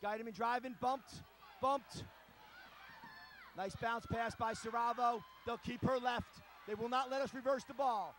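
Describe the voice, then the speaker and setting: A man calling live high school basketball play-by-play in a gym, in brisk, clipped calls that rise to shouts. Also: steady tone. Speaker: play-by-play announcer. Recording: crowd noise and hiss behind.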